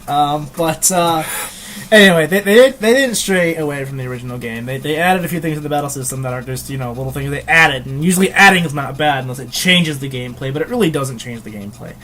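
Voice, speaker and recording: A man's voice: a little high, fast, sharp tone, slight background noise. A man reviewing a video game in casual chat, rambling with many hesitations and casual swearing.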